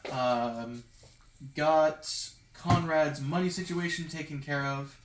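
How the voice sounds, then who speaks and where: This player, a man with a slightly high voice, takes his time retelling a tabletop roleplaying session to his group. His casual account has hesitations and moments of acted-out lines, and the recording carries room echo, background noise and clicks.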